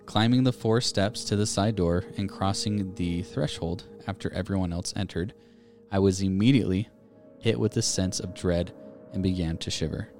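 This deep-voiced podcast co-host talks at normal speed, reading listeners' ghost stories in a steady narrative way and chatting casually. Faint music runs behind him.

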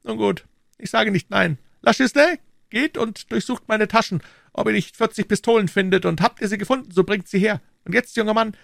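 A man voicing an excitable young king in a high, fussy, scolding voice, reading a story aloud. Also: vocal fry, no room sound, studio quality, exaggerated voice. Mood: teasing. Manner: shrill, fussy, quick to scold. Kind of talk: audiobook character voice.

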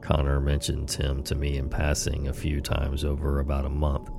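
A man hosting a horror podcast, narrating scary stories in a slow, ominous horror-host manner. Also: rumbling low, completely flat delivery, gravelly, over music.

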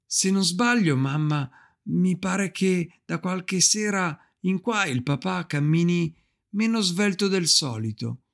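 A man's voice: high-pitched, lively intonation, takes it slowly, gravelly, pitched above the performer's own voice, heavily acted. Man playing an earnest young boy.

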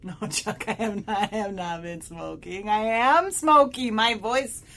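A woman's voice: mid-range voice, a little slow, slight background noise. A woman playing a tipsy, smoky-voiced host. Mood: ranting. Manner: sarcastic, rambling, swings loud and soft. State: tipsy from drinking. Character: tipsy sarcastic woman podcast host, prickly. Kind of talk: audio drama.

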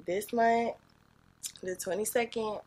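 Slow-talking young woman, blunt and hesitant. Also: medium pitch, fairly even intonation, a little mellow. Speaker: podcast guest co-host. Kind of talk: casual podcast chat.

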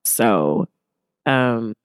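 A woman's voice: a bass voice, expressive, drawn-out words, clear, resonant tone, no room sound. Laid-back Bay Area woman, close dry sound. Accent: American, Bay Area. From Oakland, California. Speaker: podcast guest, music artist. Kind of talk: casual chat.

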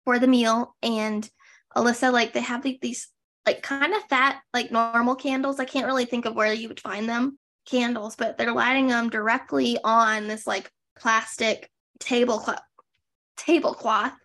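A woman's voice: on the high side, steady tone, normal speed, fairly bright tone. A woman co-hosting a podcast, recapping a reality show in snarky, rambling casual chat, full of "like". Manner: snarky, rambling, heavy use of "like". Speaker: podcast co-host.

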